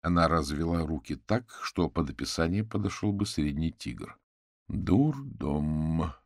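A man narrating an audiobook in an expressive, animated reading. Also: deep voice, moderate pace, dry recording, clean studio sound. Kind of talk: scripted narration.

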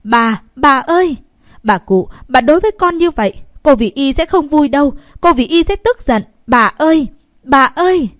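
A woman voicing a pushy young female maid who pleads and shouts for help in a storybook reading. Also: a little high, lively intonation, normal speed, dry recording, pitched above the performer's own voice, lightly acted. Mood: shrieking.

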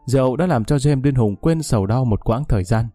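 A man narrating a dramatic story in a measured way. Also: medium pitch, animated, warm tone, no echo, faint music behind.

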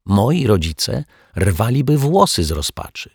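A man's voice: fairly low pitch, very animated, measured pace, a little mellow, slightly rough, dry recording, studio quality, voice pushed up, exaggerated voice. A man voicing a schoolboy who is impatient with his sister, in an audiobook reading. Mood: incredulous. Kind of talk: audiobook character voice.

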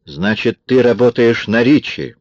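A man voicing a menacing gang boss who speaks slowly and ominously, promising violence. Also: mid-range voice, no echo, pitched above the performer's own voice, natural voice. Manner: slow, ominous and threatening. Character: menacing middle-aged male gang boss. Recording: dry, dull lo-fi recording.

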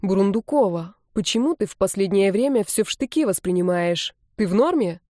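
A calm, mocking young male student with a mellow, warm tone, as a woman reads him aloud. He speaks unhurried and dry, recorded close with no room sound. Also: medium pitch, no echo, natural voice. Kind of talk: audiobook reading.

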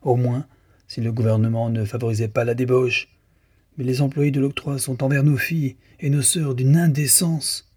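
A man's voice: mid-range voice, level tone, moderate pace, a little mellow, slightly rough, voice pushed up, close to an everyday voice. A man voicing a thin male radical who speaks in a tragic tone and thunders against corruption. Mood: indignant. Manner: tragic, denouncing.

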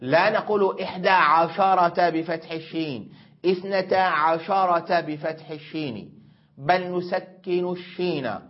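A middle-aged man teaching grammar in a slow, measured way, repeating each example and stretching out words. His voice sits a little high for a man. The recording is dull and lo-fi. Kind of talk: classroom grammar lesson.

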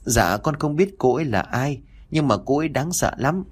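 List: timid sick little boy, voiced by a man, small frightened voice, slightly raised pitch, husky, audio storybook. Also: animated, moderate pace.

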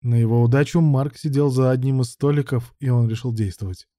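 Dark-voiced male audiobook narrator. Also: mid-range voice, fairly even intonation, fairly quick, no echo, clean studio sound.

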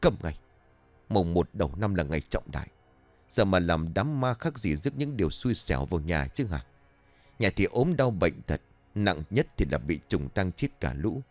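A man's voice: deep voice, big pitch swings, normal speed, dry recording, soft background music. A man voicing a cruel, cold-hearted old landlord who barks angry orders at his servants. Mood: furious. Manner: barking, scolding commands.

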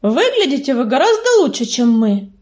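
A bitter female warrior cat from a storybook who snaps and sneers at returning clanmates, as a woman reads her. Her voice sits high and swings widely. The delivery is scornful and cutting. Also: big pitch swings, moderate pace, a little mellow. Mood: sneering. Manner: sneering, snapping.

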